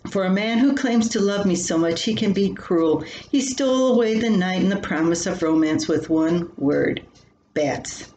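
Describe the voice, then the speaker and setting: This older woman delivers her comic personal column with a dry, theatrical storyteller's touch, speaking at normal speed. Her pitch is fairly low and her tone darkish. Background noise is clear in the recording, along with a roomy echo.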